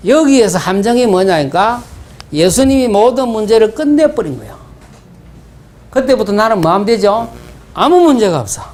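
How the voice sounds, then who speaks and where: A man with a Gyeongsang Korean accent, preaching a sermon as pastor, asking the congregation rhetorical questions and telling stories in dialect. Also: high-pitched. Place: church sanctuary.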